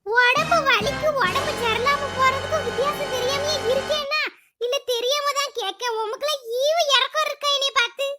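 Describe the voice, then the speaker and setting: A woman's voice: very high-pitched, fairly quick, loud music behind the voice. A woman voicing a sick, self-pitying village mother of three in a cartoon, whiny and fretful. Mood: indignant. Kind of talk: cartoon voice acting.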